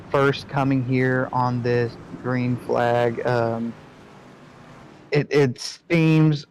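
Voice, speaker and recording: A man offering color commentary on an online truck race. He talks slowly and deliberately, and his voice sits at a medium pitch. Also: a little hiss or hum. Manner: slow, measured analysis. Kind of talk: sim racing analysis.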